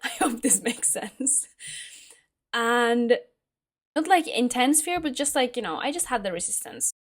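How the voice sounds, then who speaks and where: A woman's voice: a little high, expressive, measured pace. A young woman from Finland, talking casually to camera as a vlogger, hesitant and full of fillers as she searches for words. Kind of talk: casual personal monologue.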